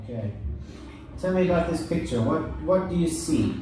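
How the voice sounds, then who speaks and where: A man's voice: on the high side, animated, moderate pace. A young adult man acting as an English teacher, giving a child a speaking test and repeating questions patiently with short praise. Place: small classroom with glass walls, indoors. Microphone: far camera. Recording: echoey room from a distant camera, light noise.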